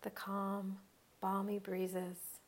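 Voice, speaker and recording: In a mid-range voice with a completely flat delivery, a woman leads a guided meditation, soothing and unhurried, placing long pauses after each short phrase.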